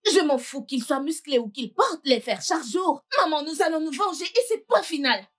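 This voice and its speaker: This is a fierce grown daughter who insists on revenge and won't back down. Her voice sits a little high. It comes from a French dub of a family drama. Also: expressive, normal speed. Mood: defiant. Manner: defiant, insistent.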